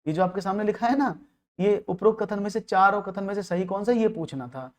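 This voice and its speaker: A man's voice: high-pitched, brisk. A man giving an online maths lecture for exam prep. He works through problems step by step, drops English phrases into his speech, and keeps checking that his students are following. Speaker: maths teacher.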